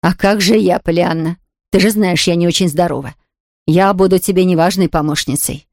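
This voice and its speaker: A woman's voice: on the low side, fairly even intonation, normal speed, darkish tone, no echo, close to an everyday voice. A woman reading aloud, voicing a proud, frail older aunt who speaks in a dry, disapproving way. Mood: stern. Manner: dry, sniffing, reproachful.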